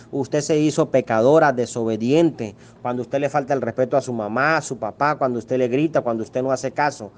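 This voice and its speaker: Priest, man, middle-aged, mid-pitched, preaching with forceful rhetorical questions. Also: a little hiss or hum. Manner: emphatic preaching, rhetorical questions, acts out quoted voices. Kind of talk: sermon.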